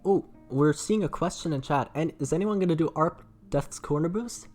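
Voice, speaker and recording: A playful, teasing commentator hosts a live speedrun race and reads messages from chat. The voice sits at a middle pitch, with faint music in the background. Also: moderate pace, darkish tone.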